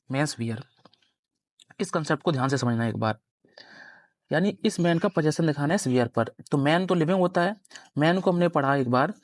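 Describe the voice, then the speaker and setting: A man's voice: fairly high pitch, no room sound. Male teacher quizzing his class, dry sound. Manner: explains step by step, keeps quizzing the students. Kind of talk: classroom grammar lecture at a board.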